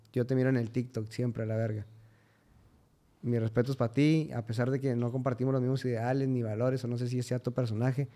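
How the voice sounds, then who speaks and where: A young man with a Mexican accent appears as a guest musician in a casual interview chat, talking crudely and loosely with plenty of slang fillers. His voice is medium-pitched and warm.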